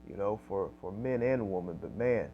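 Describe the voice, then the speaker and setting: A man's voice: on the low side, moderate pace, dull audio, soft background music. A man preaching in casual street style, reading scripture aloud and tagging lines with "okay?" and "man". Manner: fills with "man" and "okay?", reads verses louder.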